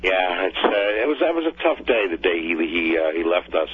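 Older male phone caller from New Jersey, low voice, muffled line, hesitant and reminiscing. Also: big pitch swings, normal speed. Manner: hesitant, reminiscing, with many fillers and restarts. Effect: heard over the phone. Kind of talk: phoning in to a radio talk show. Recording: dull phone line with faint hum.

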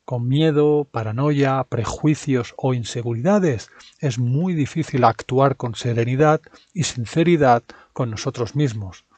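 A man who teaches Spanish, reading his own article aloud in a calm, measured way with clear diction. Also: medium pitch, no echo.

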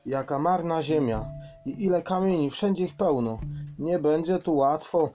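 A gentle, practical mother troll, voiced by a man speaks softly and a little higher. The storybook recording is dull and lo-fi, with plucked guitar underneath. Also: normal speed, lightly acted. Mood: worried.

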